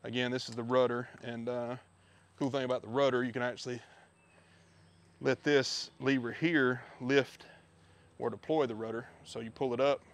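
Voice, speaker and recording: Guy w a gravelly voice, flat easygoing talk, backyard, little bit of outdoor noise. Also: mid-range voice, moderate pace. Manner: relaxed, chatty, with many fillers. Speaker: fishing video host. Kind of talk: casual product walkthrough. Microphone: head-mounted action camera.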